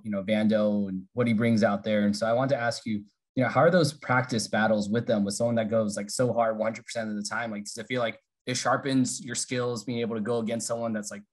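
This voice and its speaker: A man's voice: medium pitch, steady tone, fairly quick. A male reporter asks a player an easygoing question in a mid-range voice. He is loose and conversational, sprinkling "you know" and "like" throughout. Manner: casual, lots of "you know" and "like". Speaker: sports reporter. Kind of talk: press conference question.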